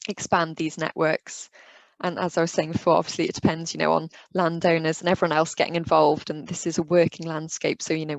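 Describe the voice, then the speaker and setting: A woman working as a biodiversity officer walks through her slides in an easygoing webinar talk, with plenty of "um" and "you know." Her voice is croaky and gravelly, and her pitch stays flat. The recording is dry and close. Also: no echo, low-quality recording. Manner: relaxed, conversational, with frequent "um" and "you know". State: voice going croaky.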